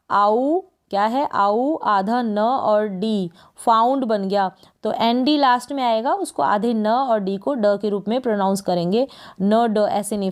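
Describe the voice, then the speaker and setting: A woman with a Hindi accent teaching English phonics, spelling each word letter by letter and repeating it. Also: medium pitch. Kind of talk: slow phonics lesson.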